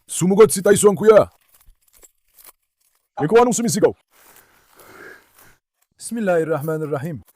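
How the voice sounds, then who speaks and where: A man narrating a tense outdoor adventure vlog, urgently calling out to his dogs and switching between loud shouts and hushed warnings. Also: high voice, lively intonation, a little slow, long pauses, no room sound, clean studio sound. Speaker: vlogger and dog owner. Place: forest at night.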